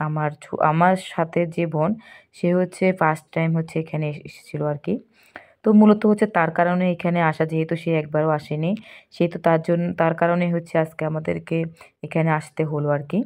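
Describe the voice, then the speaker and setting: Hoarse, low-voiced young mother. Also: a little mellow. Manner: rambling, leans heavily on a filler word. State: hoarse from a cold. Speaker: mother and family vlogger. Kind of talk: casual vlog voice-over narration.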